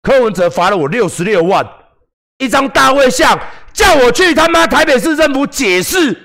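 A middle-aged man with a Taiwanese Mandarin accent hosting a livestream, ranting at critics in a combative, profane way and often shouting. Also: very high-pitched, animated, moderate pace. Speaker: livestream host. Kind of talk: heated livestream rant.

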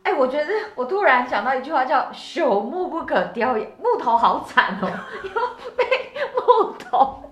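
Woman co-host, fairly high voice, explains and agrees, echoey room. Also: animated, normal speed, few pauses. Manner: explanatory, agreeable, laughs along. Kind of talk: casual chat about zodiac fortunes.

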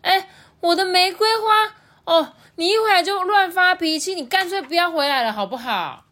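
A woman voicing a scolding elephant mother in a storybook, shrill and sharp. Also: animated, moderate pace.

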